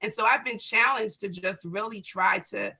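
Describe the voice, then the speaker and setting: A woman in her forties speaks earnestly on a church video call, sharing her faith struggles in a bright, forceful voice. Her tone is heartfelt and direct. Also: mid-range voice, moderate pace, gravelly, breathy edge. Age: 40s. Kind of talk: personal testimony in group chat.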